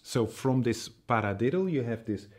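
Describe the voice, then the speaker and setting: A man teaching a cajon rhythm, explaining slowly and patiently with many fillers and spoken drum sounds. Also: mid-range voice, lively intonation, very noisy. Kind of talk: music tutorial.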